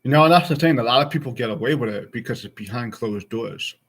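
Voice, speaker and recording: A man's voice: mid-range voice, fast talker, a bit bright, breathy edge. A man of forty chatting casually and frankly with his stream viewers, rambling from thought to thought. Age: 40s.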